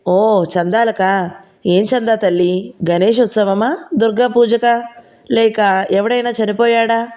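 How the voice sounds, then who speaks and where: Brisk middle-aged engineer, rattles off questions, read by a woman narrator. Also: high-pitched, fairly even intonation, a little mellow. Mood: rapid-fire. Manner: rapid-fire questions, brusque but jovial.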